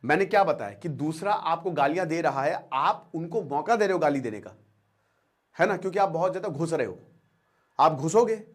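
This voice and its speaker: Emphatic high-voiced man giving life advice. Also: normal speed. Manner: earnest, lively and emphatic, mixing in English phrases. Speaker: motivational speaker. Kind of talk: lecture-style motivational talk.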